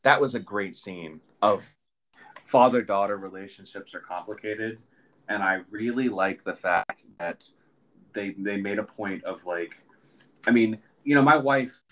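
A man with a somewhat low voice co-hosts a casual podcast chat. He rambles through his points with false starts and frequent laughter. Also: unhurried, a bit bright. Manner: rambling, restarts, laughs often. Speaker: podcast co-host.

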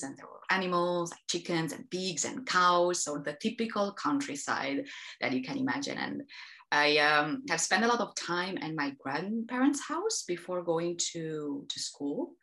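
Lively chatty woman from Romania. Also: on the low side. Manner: enthusiastic, chatty, frequent restarts. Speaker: podcast guest. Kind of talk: conversational interview. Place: home in Amsterdam.

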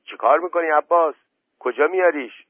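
A man's voice: fairly high pitch, animated, husky, no room sound, pitched above the performer's own voice. A man voicing an elderly village aunt who scolds and insists, recorded dry through a phone-like line. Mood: scolding. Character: elderly village woman, sharp-tongued aunt.

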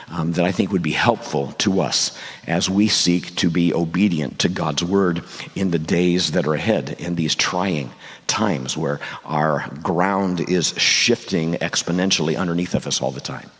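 Senior man, guest preacher, deep gravelly hoarse delivery, careful phrasing, reverberant hall. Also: fairly bright tone. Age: 60s or older. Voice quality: gravelly, husky. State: hoarse, voice nearly gone. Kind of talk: sermon. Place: large church room, speaking to congregation.

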